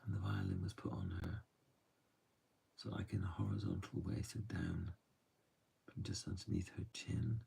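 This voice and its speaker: A man telling a true story softly and gently, often dropping to a hush. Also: sits low, huge pitch swings, distant mic. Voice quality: gravelly and husky. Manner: soft, unhurried, often drops to a hush.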